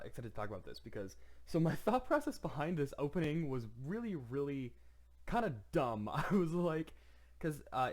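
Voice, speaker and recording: Young man, casual video commentary, enthusiastic, filler-heavy, lively pitch. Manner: enthusiastic, laughing often, many fillers. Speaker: creator commenting on his own show.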